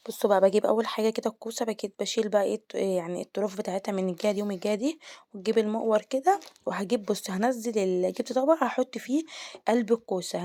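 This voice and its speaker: A woman's voice: on the high side, vocal fry, darkish tone, dry recording, clean studio sound. A woman with an Egyptian Arabic accent hosting a home cooking tutorial, chatty and explaining each step to her viewers. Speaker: cooking channel host. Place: home kitchen.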